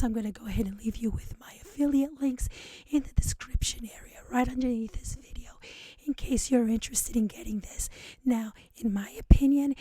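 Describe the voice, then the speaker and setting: A woman's voice: on the high side, mellow, no echo. A woman from the United States chatting casually as she unboxes craft supplies, giggling often and stumbling over her words. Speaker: craft vlogger.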